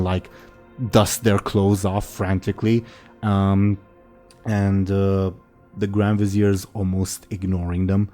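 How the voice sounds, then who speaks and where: A man with a lowish, relaxed dark voice narrates a tabletop game as game master. He improvises informally and haltingly, with faint music underneath.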